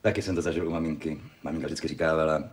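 A man's voice: very deep voice, fairly even intonation. An actor playing a genial, chatty male technical manager in a 1980s TV series. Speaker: technical deputy.

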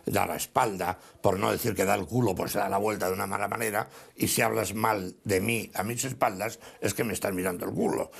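A man with a Spanish accent arguing politics on a TV panel, animated, with many restarts. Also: on the low side, creaky, breathy edge. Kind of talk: heated political debate.

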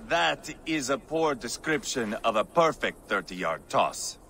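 An actor playing a brash, mocking Viking warrior in a video game, taunting and boisterous. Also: male voice, medium pitch, very animated, slow, sharp tone, a little hiss or hum, exaggerated voice.

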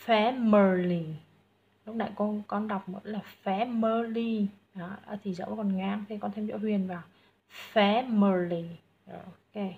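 A woman teacher with a Vietnamese accent giving a young student patient pronunciation feedback, saying each English word loudly and repeating it. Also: medium pitch, flat delivery, creaky, phone-quality sound. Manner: slow, patient, models English words loudly and repeats them.

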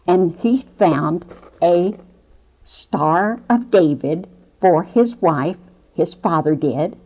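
An older woman telling a children's missionary story with picture boards, in a slow, earnest storyteller's way, recorded on a lapel mic in a small studio. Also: lowish voice, expressive, dull audio. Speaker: Bible storyteller. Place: small studio before a painted cloud backdrop.

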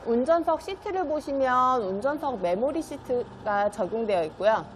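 A woman with a high, lively voice delivers a scripted used-car sales pitch. Her phrasing is polished, polite and promotional, rising and falling freely, with music playing behind her. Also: moderate pace, a little hiss or hum. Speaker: used car dealer presenting a car for sale.

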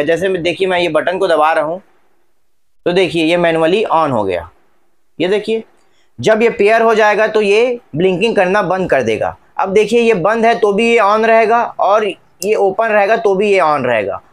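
A man with a fairly high voice talks viewers through a gadget unboxing. His delivery is chatty and repetitive, and he keeps pointing out each part as he handles it. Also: lively intonation, normal speed. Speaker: tech reviewer. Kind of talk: casual product unboxing narration.

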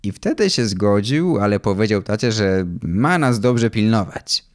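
Man reading a children's audiobook, lively. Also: lowish voice, a little slow. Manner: lively storytelling as a young boy narrator. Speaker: audiobook reader.

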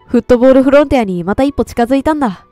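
Cheery teen soccer captain boy from a game, read out by a woman, earnest, dark mellow tone. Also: high voice, lively intonation, racing, faint music behind. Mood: cheerful. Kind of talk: reading game dialogue aloud.

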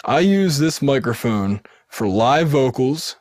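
Speaking slowly and animatedly, a man in his thirties presents his gear on camera for a home recording video, set in a small wood-paneled room. His medium-pitched voice is sibilant and a little mellow, captured by a studio dynamic mic off camera. He often backs up and restarts his sentences.

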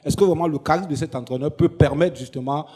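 Male panelist from Burkina Faso, brisk husky delivery, pushy questioner in a TV studio. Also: a little high, dark tone. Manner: quick, pressing questions. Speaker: panelist journalist. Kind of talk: talk show questioning.

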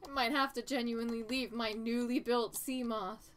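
A woman's voice: a little high, steady tone, moderate pace, a bit bright, slight background noise. A woman streaming a game, talking to herself in casual commentary, pleading with the game and laughing at her own mistakes.

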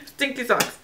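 A woman's voice: high-pitched, background noise. A young woman chatting casually and reacting with disgust as she eats gross jelly beans in a small room. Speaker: challenge video host. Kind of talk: casual chat, reaction vlog.

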